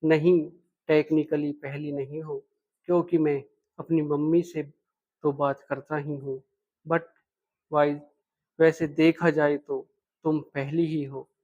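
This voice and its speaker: A man's voice: a little high, little pitch movement, takes it slowly, long pauses, narrow, tinny audio. A man voicing a shy young man. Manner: hesitant, soft-spoken.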